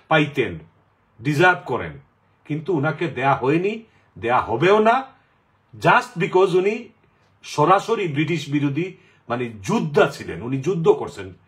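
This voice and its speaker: A middle-aged man from the Sylhet region, chatting casually in a rambling way with many fillers. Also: on the high side. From Sylhet region, Bangladesh. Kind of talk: casual chat.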